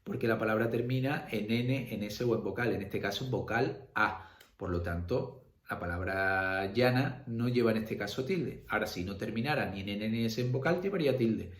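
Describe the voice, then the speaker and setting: A man's voice: on the low side, normal speed, echoey room. A man from Spain with an Andalusian accent, a secondary school language teacher giving a recorded lecture, full of fillers and checks for understanding. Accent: Andalusian Spanish. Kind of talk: classroom lecture video.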